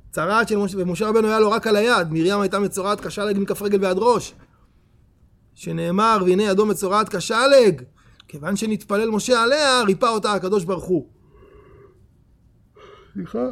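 A rabbi teaching a Torah lesson with a high-pitched voice edged with gravel. He talks with animated emphasis and keeps turning to his listeners with questions. The delivery is lively and direct, aimed at a room full of people. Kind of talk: Torah lesson to a live audience.

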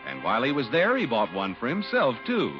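On a dull, husky old radio recording with music in the background, a man reads a script in a polished, emphatic 1950s sales-announcer style. His medium-pitched voice swings hugely in pitch and moves briskly.

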